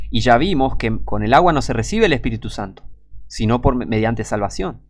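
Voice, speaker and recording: A man with a Rioplatense Spanish accent preaching a Bible study, emphatic, repeating warnings and asking rhetorical questions. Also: a little high. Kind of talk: Bible teaching sermon.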